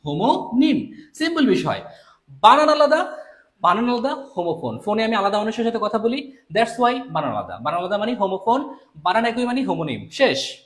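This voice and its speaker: Brief: young male tutor, Bangladeshi accent, high and very animated delivery, drills points by repetition. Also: normal speed. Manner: lively, repeats key points, chats with students by name. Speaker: admission test tutor. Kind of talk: live online class.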